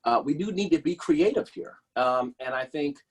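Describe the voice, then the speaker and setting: This political candidate, a man with a fairly high-pitched, slightly husky voice, responds to a policy question haltingly. He frequently repeats phrases and corrects himself.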